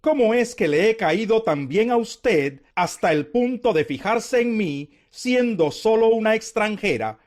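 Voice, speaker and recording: A man's voice: high voice, lively intonation, unhurried, few pauses, a little mellow. A man voicing a humble, grateful young foreign widow in scripted scripture dialogue, with deferential phrasing. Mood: humble gratitude.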